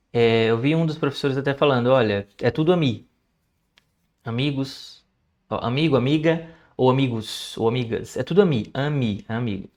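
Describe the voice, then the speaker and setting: A man with a Brazilian Portuguese accent, chatting through his language study notes in a casual, explanatory way. He slows down to sound out foreign words and keeps checking in with "right?". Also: medium pitch.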